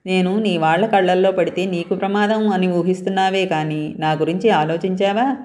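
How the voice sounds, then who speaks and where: A woman's voice: lowish voice, steady tone, normal speed, darkish tone, lightly acted. A woman reading a bold teasing young man. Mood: coaxing.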